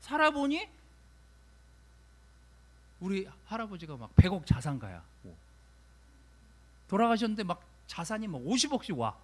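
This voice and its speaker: Animated woman preaching a sermon. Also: medium pitch, normal speed, pauses often. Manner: animated, conversational preaching, acts out complaints. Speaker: pastor. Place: church.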